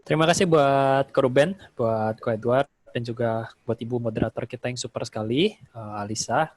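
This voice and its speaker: A man's voice: mid-range voice, moderate pace, no room sound. A man hosting a webinar, closing with upbeat announcements and some hesitant fillers. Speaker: webinar host.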